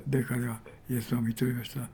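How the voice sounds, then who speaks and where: A man's voice: medium pitch, level tone, fast talker, vocal fry, dark tone, slight background noise. A man preaching a sermon, retelling Bible stories with many fillers and emphatic repetitions. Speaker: pastor.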